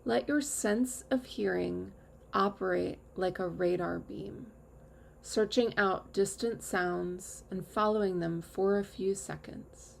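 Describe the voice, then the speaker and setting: A yoga nidra teacher leads a meditation, speaking very slowly and without hurry. Her mid-pitched voice is heavily creaky as she gives calm, measured instructions separated by long pauses, with faint noise in the background.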